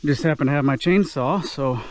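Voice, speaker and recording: A man's voice: a little high, a little fast. A man vlogging outdoors while working his land, chatty and self-deprecating, thinking aloud as he goes. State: slightly out of breath. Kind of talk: casual vlog talk to camera. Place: outdoors on a wooded clearing.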